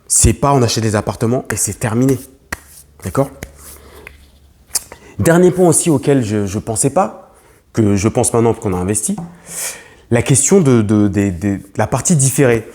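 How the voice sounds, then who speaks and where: A man's voice: mid-range voice, expressive, normal speed, pauses often, warm tone. A young man, giving a lesson to camera on property investing, emphatic and repetitive, with many fillers and restarts. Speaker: real estate investor vlogger.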